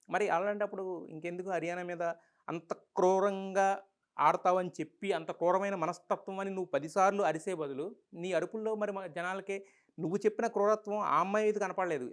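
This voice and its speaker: A man's voice: sits high, fast talker. A man with a Telugu accent giving an opinionated, argumentative review monologue full of rhetorical questions. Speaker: reality show reviewer.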